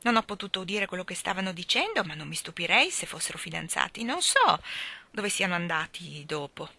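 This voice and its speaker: A woman voicing an excitable society lady who gossips eagerly about her acquaintances. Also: lowish voice, fairly quick, vocal fry, heavily acted. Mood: gossipy.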